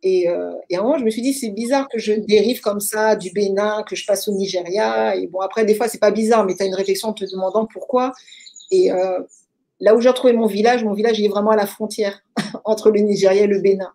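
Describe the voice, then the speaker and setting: A woman with a French accent, talking as an interview guest and telling her story reflectively, with many pauses and fillers. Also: medium pitch, steady tone, mellow. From France. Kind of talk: casual conversational storytelling.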